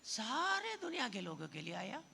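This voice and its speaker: High gravelly-voiced preacher in a reverberant hall. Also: male voice, wildly swooping pitch, normal speed. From southern India. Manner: preaching with repeated hallelujahs, rising to shouts. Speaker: pastor. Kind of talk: sermon. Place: church hall. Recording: long church hall reverb with faint noise.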